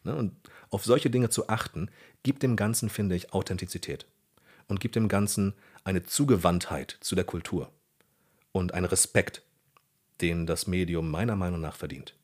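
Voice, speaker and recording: A man with a very low, husky voice talks as a podcast guest. He explains his craft in an animated way, correcting himself as he goes. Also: normal speed. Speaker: guest, dubbing director. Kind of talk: casual podcast interview.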